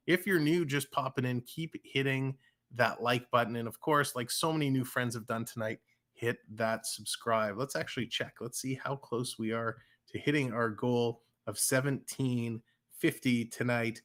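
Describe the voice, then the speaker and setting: On his livestream, a man from around Toronto with a Canadian accent gives casual play-by-play and chats with viewers. He speaks at a moderate pace in a medium-pitched, fairly bright voice, reading chat aloud, laughing easily and staying chatty throughout.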